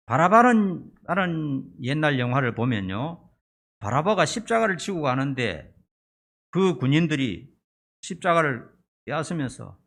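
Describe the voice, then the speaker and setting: Brief: middle-aged pastor, lively storyteller, gravelly voice that swings up and down. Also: male voice, on the high side. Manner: dramatic storytelling, acting out scenes. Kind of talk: sermon.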